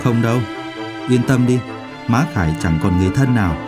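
A man's voice: mid-range voice, expressive, brisk, music in the background, voice pushed down, natural voice. A man voicing a smug young man who teases gleefully over the phone. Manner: gleeful, teasing.

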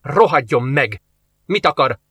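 A woman's voice: low voice, lively intonation, breathy edge, dry recording, exaggerated voice. A man reading aloud, voicing a scared but defiant young woman who snaps her answers. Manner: sharp, hissing retorts.

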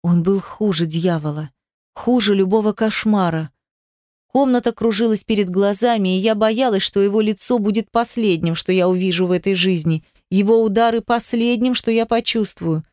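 A woman reads a dramatic story aloud in the first person, with tears in her voice. Her pitch sits in the middle range. The recording is dry and close. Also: moderate pace, a little mellow, no echo. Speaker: audiobook narrator.

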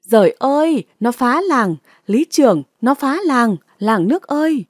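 A woman's voice: on the high side, lively intonation, moderate pace, no room sound, studio quality. A woman narrator voicing a hot-tempered, quarrelsome male village notable. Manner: quarrelsome, shouting.

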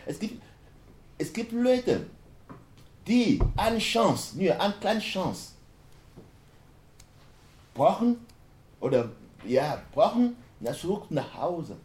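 On a panel in a university lecture hall, a man whose first language isn't German speaks halting, broken German, often restarting mid-word. His dark, mellow voice swings widely in a sing-song pitch, and the hall lends a roomy echo.

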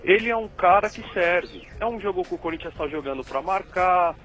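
High-voiced Brazilian caller, blunt. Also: male voice, animated, brisk, fairly bright tone, muffled recording, faint music behind. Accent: Brazilian Portuguese. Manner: blunt, keeps saying "mano". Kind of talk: heated football debate.

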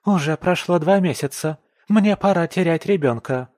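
A man playing a shrill furious young woman. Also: extremely slow, bright, forceful tone, no room sound, studio quality, heavily acted. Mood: furious shouting. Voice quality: shrill, screaming.

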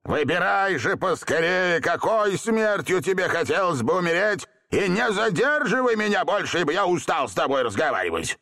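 A man voicing a vengeful, pompous ancient male genie who roars grandiloquent threats in a drawn-out way. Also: mid-range voice, very animated, bright, forceful tone, in a large hall, exaggerated voice. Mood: menacing, mocking.

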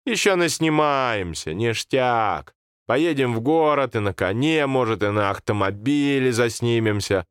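A man's voice: medium pitch, animated, measured pace, smooth, no echo, studio quality, lightly acted. A man voicing a bold, boastful village boy in a storybook reading, coaxing and swaggering.

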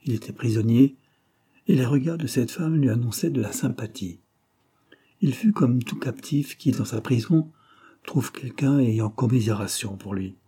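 A man narrating a classic novel aloud as an audiobook reader, in a measured and expressive way. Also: mid-range voice, breathy edge.

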